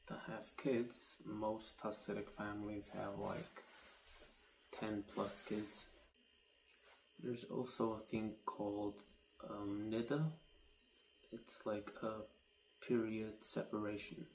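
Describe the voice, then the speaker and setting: A young man from the United States explaining customs in a casual monologue, halting and matter-of-fact with long pauses between phrases. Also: fairly low pitch, slight background noise. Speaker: vlogger explaining his community's customs. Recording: roomy echo with clear background ambience.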